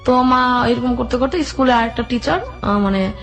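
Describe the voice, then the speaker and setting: A woman being interviewed tells a personal story in run-on narration, acting out both sides of every conversation. Her voice is fairly high at normal speed, with music playing behind her.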